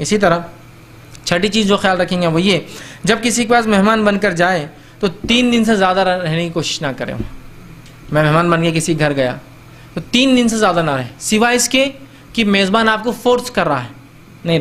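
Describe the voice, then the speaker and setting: A man with a high, slightly bright voice speaks briskly in a religious lecture about etiquette. He keeps it conversational, acting out small exchanges between host and guest and frequently checking in with his audience.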